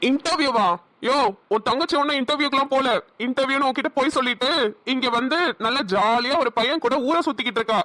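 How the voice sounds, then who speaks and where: A woman's voice: high voice, quick pace, fairly bright tone, slight background noise. An arrogant, threatening male cop. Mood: contemptuous. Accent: Namakkal Tamil. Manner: scornful, threatening. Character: arrogant young male police groom, menacing. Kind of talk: cartoon voice acting.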